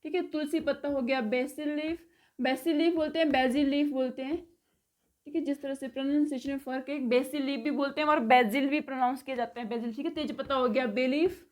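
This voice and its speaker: A woman with a high, light voice gives a casual vocabulary lesson. She repeats each word slowly and spells it out letter by letter. She checks in with a quick "okay" after nearly every item. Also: fairly even intonation. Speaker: spoken English teacher.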